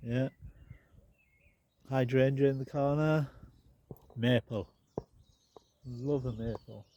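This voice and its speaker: Speaking slowly in a steady, mellow, mid-range voice, a garden vlogger walks around his outdoor garden on a casual tour. He's a bit bunged up, and his talk is chatty and meandering, full of wry comments. Birds and animals sound in the background.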